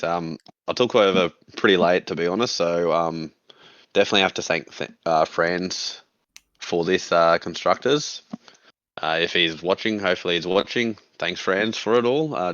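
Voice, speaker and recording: Male guest, low voice, informal thanks, dry lo-fi voice chat sound. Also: a bit bright, no room sound. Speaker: team driver, awards guest. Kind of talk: casual thank-you remarks. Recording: dull, muffled, dry voice chat.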